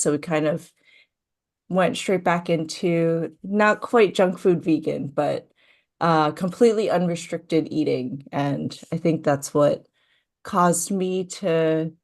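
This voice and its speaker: A young adult woman from Hawaii, a coaching client talking through her story in an interview, thoughtful and full of fillers. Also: low voice. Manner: slow, thoughtful, with frequent fillers. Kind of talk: interview conversation.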